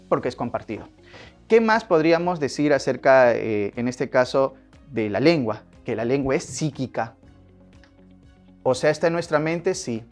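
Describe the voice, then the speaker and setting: A male language teacher, giving a classroom lecture in which he poses questions and answers them himself. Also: medium pitch.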